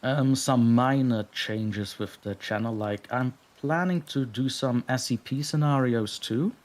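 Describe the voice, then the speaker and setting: In a casual live stream interview, a Belgian guest narrator of stories keeps things modest and laughs a lot. He speaks unhurriedly in a mid-range voice.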